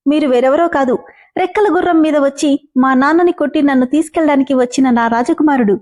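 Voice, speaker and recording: A woman's voice: sits high, quick pace, darkish tone, lightly acted. A woman voicing a playful, dramatic young woman who talks in theatrical, old-fashioned formal speech. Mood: theatrical, pleading.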